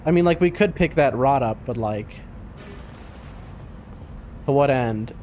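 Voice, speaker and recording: A man's voice: medium pitch, animated, unhurried, darkish tone, faint music behind. A man who sounds sick, giving casual live gaming commentary, thinking aloud in informal gamer slang. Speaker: video game streamer.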